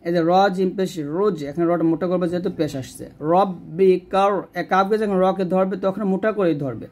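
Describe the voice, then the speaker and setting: A man teaching Quran reading, explaining rules patiently and drawing out slow recited examples. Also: high-pitched, a little mellow. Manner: patient step-by-step explanation, asks and answers own questions.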